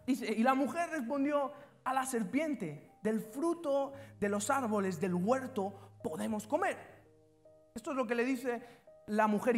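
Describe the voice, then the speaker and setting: High-voiced preacher in echoing hall. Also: male voice. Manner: fervent, calls congregation to repeat lines. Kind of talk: sermon. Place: church hall. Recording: reverberant church hall with music.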